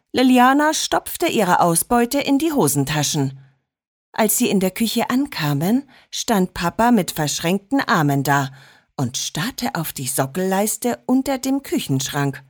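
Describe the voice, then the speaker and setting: A woman narrating a children's story in an expressive storytelling manner. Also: medium pitch, dry recording, clean studio sound.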